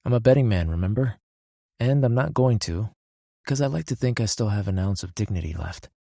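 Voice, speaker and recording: Guy doing deep husky voice for a sweet teasing buddy in an audiobook, dry sound. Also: lively intonation, a little fast, mellow, no echo. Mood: warm teasing. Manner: easygoing, joking. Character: kind-hearted teasing young man, loyal friend. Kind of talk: audiobook character voice.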